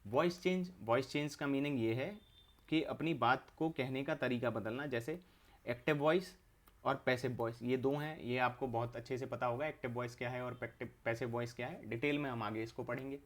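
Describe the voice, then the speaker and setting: A man's voice: medium pitch, a little fast. A young adult man, teaching an online exam-prep English class, explaining each term step by step and repeating it.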